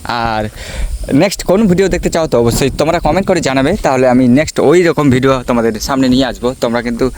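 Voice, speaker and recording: A man speaks at a quick clip in a mid-pitched voice, as host of a casual village vlog. He explains what he shows eagerly, often repeating himself. The outdoor recording is clearly noisy, with hiss behind him. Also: darkish tone. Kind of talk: casual outdoor walk-through vlog addressed to viewers. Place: outdoors at an embankment gate under repair.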